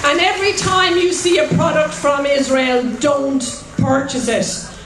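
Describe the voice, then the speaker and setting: A woman's voice: sits high, fairly even intonation, a little slow, a crowd in the background. Older irish lady giving fiery rally speech, emphatic, very echoey n a bit far off, noisy. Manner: emphatic, declamatory, often shouting. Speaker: activist and rally speaker. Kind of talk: impassioned political speech to a rally. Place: outdoor street demonstration. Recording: echoey, noisy outdoor PA from distance.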